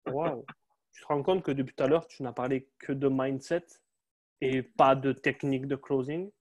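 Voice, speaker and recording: A man's voice: medium pitch, steady tone, normal speed, a little mellow. Enthusiastic male interview host. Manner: enthusiastic, exclaims "wow", stumbles over restarts. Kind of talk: casual interview.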